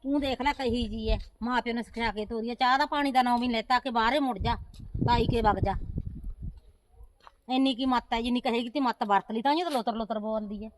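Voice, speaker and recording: Casting: woman as an aggrieved, demanding aunt; a high voice and rapid-fire complaints. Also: a little hiss or hum, lightly acted, low-quality recording. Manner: complaining, insistent, scolding. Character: sulking offended aunt, quarrelsome and demanding. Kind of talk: amateur comedy short film acting.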